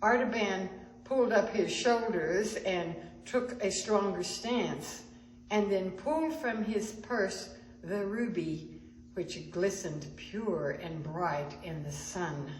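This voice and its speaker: A woman narrating a Christmas story at a spiritual center service, gentle and expressive with small restarts. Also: mid-range voice, takes it slowly, a little hiss or hum. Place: church sanctuary. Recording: echoey sanctuary with faint ambience.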